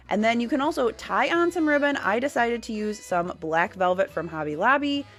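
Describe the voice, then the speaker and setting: A woman in a casual tutorial vlog, chatty and upbeat, explaining how she makes her holiday decor step by step. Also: medium pitch. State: nasal from a cold. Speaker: DIY home decor creator. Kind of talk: casual DIY tutorial narration.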